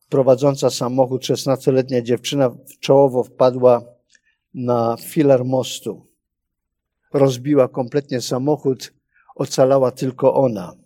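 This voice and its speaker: A male preacher giving a sermon, reading scripture in a slow, measured way with pauses. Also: medium pitch, mellow.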